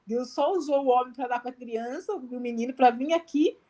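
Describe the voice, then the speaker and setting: A woman's voice: sits high, normal speed, warm tone. A missionary woman with a Brazilian Portuguese accent telling a testimony over a live video call, chatty and full of fillers, acting out the dialogue she quotes. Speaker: guest, missionary.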